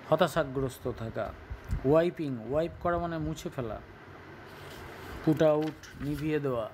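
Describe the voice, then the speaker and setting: A Bengali-accented male teacher working through a textbook page for students, his pitch sitting a little high. He talks in an unhurried, drawn-out way, with a faint hiss behind the voice. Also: darkish tone. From West Bengal, India. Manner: explains word meanings slowly, mixing English and Bengali. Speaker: school English teacher. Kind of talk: recorded online class lesson.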